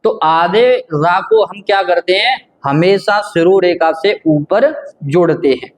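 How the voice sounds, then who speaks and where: A man's voice: sits high, slow pace. A man teaching a grammar lesson, patient and repetitive, asking himself questions and answering them. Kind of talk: grammar lesson explaining at a board.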